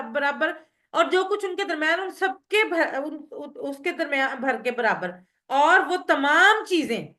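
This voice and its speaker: A woman's voice: sits high, bright, forceful tone. A woman teaching a revision lesson in a patient manner, breaking each word into parts and translating it. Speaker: Quran teacher.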